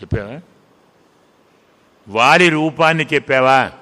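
A man voicing a calm divine male prince who patiently reasons and gently scolds. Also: medium pitch, a little slow. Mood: calm reasoning. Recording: reverberant hall.

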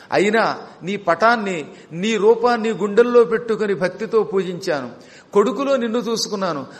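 A man voicing a grieving queen who laments her husband and reproaches her co-wife, in a high voice with long hall reverb. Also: lightly acted. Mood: lamenting.

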